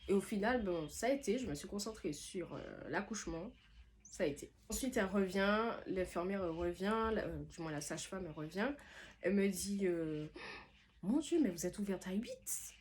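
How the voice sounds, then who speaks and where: A woman's voice: mid-range voice, moderate pace. A young woman casually retelling a personal story for a vlog, chatty and slangy, acting out what others said. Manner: chatty, lively, slangy retelling with quoted dialogue. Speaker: vlogger.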